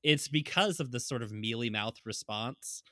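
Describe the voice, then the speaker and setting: A man's voice: medium pitch, normal speed, sharp tone, no room sound, clean studio sound. A man co-hosting a casual political chat podcast, rambling and chuckling through his points. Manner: rambling, chuckling, many fillers. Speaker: podcast co-host.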